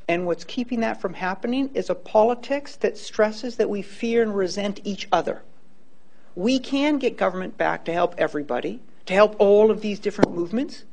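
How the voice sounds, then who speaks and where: A man's voice: high voice, creaky, darkish tone. A man in his fifties giving a public lecture and taking questions on a handheld microphone, earnest and emphatic, often repeating words as he starts a point. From Hawaii. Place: large lecture hall, indoors.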